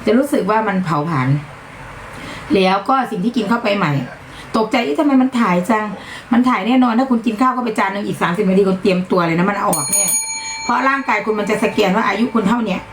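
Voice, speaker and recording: A middle-aged woman from Northeast Thailand with an Isan accent, chatting bluntly through a live-stream sales pitch and scolding noise around her. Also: quick pace, reverberant, rough recording. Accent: Isan Thai. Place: upper floor of a home.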